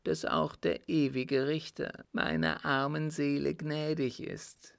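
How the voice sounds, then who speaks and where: A man reading aloud, voicing a dying old father who haltingly confesses a murder to his son. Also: a little high, creaky, no echo, clean studio sound, pitched above the performer's own voice. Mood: grave. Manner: halting, heavy, pleading.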